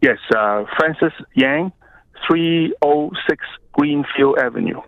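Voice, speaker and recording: A man's voice: a little high, takes it slowly, no room sound. A man calling in over the phone to a public hearing as a resident, speaking hesitantly and repeating words as he gives a formal comment. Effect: heard over the phone. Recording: dry, dull phone-line sound.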